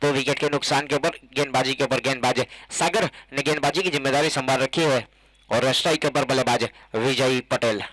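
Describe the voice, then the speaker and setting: A man with an Indian accent giving excited live ball-by-ball cricket commentary as the match announcer. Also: mid-range voice, a little fast, poor audio.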